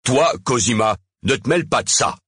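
A man's voice: a bass voice, expressive, normal speed, gravelly, bright, forceful tone, breathy edge, no echo, clean studio sound, heavily acted. A man voicing an enraged mayor who lashes out at the crowd with contempt in a storybook reading. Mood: furious contempt. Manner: harsh, contemptuous outbursts. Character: furious small-town male mayor dismissing crowd.

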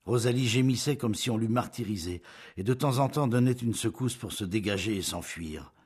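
A man narrating a classic novel as an audiobook in a measured, expressive storytelling manner. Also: fairly low pitch, slightly rough.

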